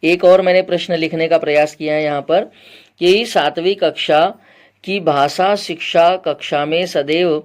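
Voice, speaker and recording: A male teacher giving an exam-prep lecture, explaining point by point, quizzing his students with repeated questions and often clearing his throat. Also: a little high, fairly even intonation, a little slow.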